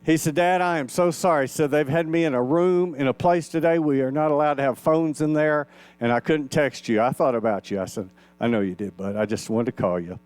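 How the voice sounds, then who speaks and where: Older man in his 60s, minister, folksy storytelling sermon, smooth and slightly high voice, dry close sound. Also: brisk, darkish tone, no echo, soft background music. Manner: folksy, conversational, acts out quoted dialogue. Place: church sanctuary.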